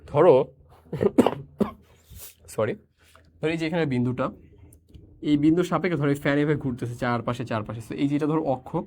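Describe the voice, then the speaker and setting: A man's voice: fairly high pitch, normal speed, pauses often, darkish tone. A young man teaching a school physics lesson, asking questions and repeating the answers, with English words mixed into his speech. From Bangladesh.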